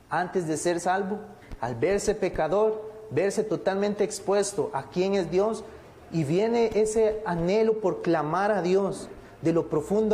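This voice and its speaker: A man preaching a sermon in a church, speaking deliberately, asking rhetorical questions and slowing down to read scripture aloud. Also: sits high, warm tone, in a large hall.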